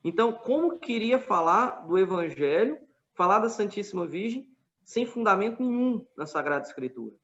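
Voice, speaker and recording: A man with a Brazilian Portuguese accent speaks in a fairly bright, higher voice, animated and at normal speed. On a casual podcast, he earnestly retells a street debate, acting out the quoted back-and-forth. The sound is lo-fi.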